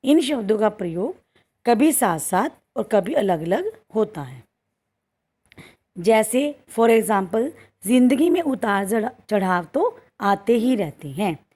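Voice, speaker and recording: A woman's voice: medium pitch, big pitch swings, slow pace, mellow, slightly rough. A woman teaching a school grammar lesson. She reads out word pairs one by one, asks questions and answers them herself, and mixes English words into her Hindi.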